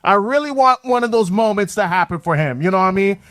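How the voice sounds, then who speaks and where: A man hosting a reaction show, giving animated, emphatic casual commentary on viral clips. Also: high-pitched, fast, dry recording, clean studio sound.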